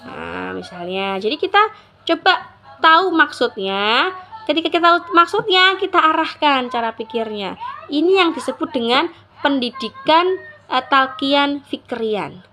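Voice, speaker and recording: Woman, high voice, casual parenting lesson, faint noise. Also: animated, measured pace, bright, forceful tone. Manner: chatty, addresses listeners as mothers, frequent "gitu ya". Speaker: Islamic parenting teacher. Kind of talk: casual religious parenting talk to mothers.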